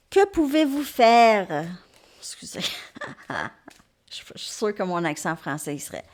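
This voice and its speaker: A woman gives a tarot reading to her viewers, gently reassuring them and often checking in with them. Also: medium pitch, slight background noise. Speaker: tarot reader.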